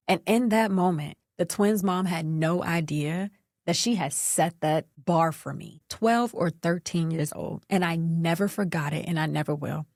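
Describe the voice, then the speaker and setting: A woman in her thirties hosts her own storytelling podcast, speaking. She tells her story with sass and animation, addressing her listeners as "girl." Her voice sits low and the close recording is dry. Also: no echo. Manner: animated, sassy, talks straight to listeners as "girl". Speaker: podcast host.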